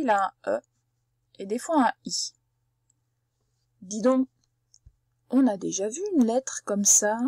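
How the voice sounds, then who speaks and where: Slow, patient woman teaching reading. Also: fairly high pitch, a little mellow, no room sound. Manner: slow, patient, sounds words out syllable by syllable; addresses the child directly as tu. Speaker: primary school teacher. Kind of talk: reading lesson for young children.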